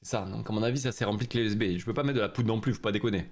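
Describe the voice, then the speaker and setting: A man's voice: lowish voice, rapid-fire. A young man chatting with his viewers during a live stream, joking in slangy talk. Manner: slangy, joking, talks straight to chat.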